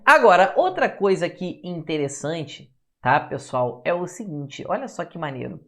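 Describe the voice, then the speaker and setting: Lively Brazilian man teaching a class. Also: on the high side, normal speed. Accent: Brazilian Portuguese. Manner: lively, keeps checking in with the class with tag questions; sounds out syllables to demonstrate. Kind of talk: classroom lecture.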